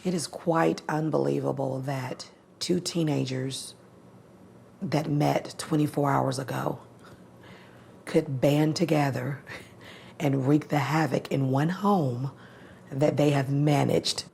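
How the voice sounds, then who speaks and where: Low-voiced, gravelly American woman, stern. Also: fairly even intonation, slow, a little mellow, slight background noise. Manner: stern, authoritative. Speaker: host parent on a reality show. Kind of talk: reality TV talk.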